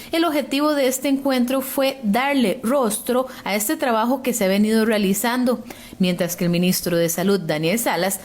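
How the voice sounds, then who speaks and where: A woman news reporter reading scripted narration in a measured, formal way. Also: fairly high pitch.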